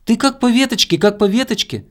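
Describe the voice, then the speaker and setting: Мужчина изображает звонкую суетливую белочку. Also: male voice, animated, a little fast, fairly bright tone. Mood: urging. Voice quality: shrill, urgent calling. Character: bossy excitable little female squirrel.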